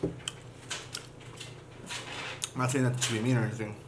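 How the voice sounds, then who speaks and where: Guy chewing while talking, mid-pitch voice, rambly mukbang chat, lil bit of room hum. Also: level tone, moderate pace. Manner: rambling, offhand, mouth full of food. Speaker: mukbang vlogger. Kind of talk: casual eating chat.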